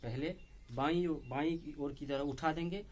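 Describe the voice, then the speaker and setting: A man teaching tabla step by step, explaining slowly and patiently and saying the drum syllables aloud between strokes. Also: a little high, slight background noise. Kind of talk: step-by-step music lesson. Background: loud tabla playing.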